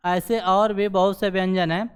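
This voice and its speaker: A man's voice: high-pitched, little pitch movement, moderate pace, clean tone. A man teaching grammar in a classroom style, asking questions and answering them himself, and saying "theek hai" again and again. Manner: repeats "ठीक है" after nearly every sentence.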